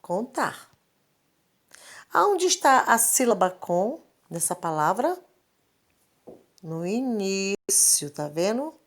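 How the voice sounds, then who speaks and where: A woman's voice: medium pitch, big pitch swings, slow pace. A woman, teaching a recorded literacy lesson and patiently repeating each point. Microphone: screen recording, device mic.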